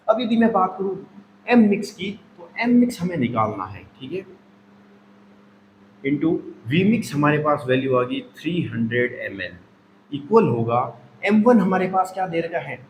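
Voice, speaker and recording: Male teacher talking through a chemistry lesson step by step, a bit high-pitched, recorded in an echoey room. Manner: repetitive, talks through each step aloud. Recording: echoey room with faint noise.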